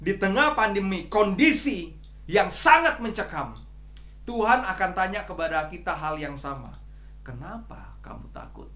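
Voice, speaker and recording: A man preaching a sermon as pastor, swinging between loud emphatic exhortation and soft pleading. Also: high voice, expressive, normal speed, roomy sound. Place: church.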